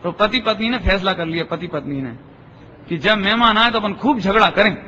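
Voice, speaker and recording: A male religious teacher tells parables in a high, bright voice, breaking off to ask whether the audience follows. He acts out the people in his stories. The sound is dull and lo-fi, with a long hall reverb. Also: animated, normal speed, a little hiss or hum. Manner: storytelling, checks understanding with rhetorical questions. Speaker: Jain scholar giving a discourse. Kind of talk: sermon with parables. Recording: dull, echoey lecture hall.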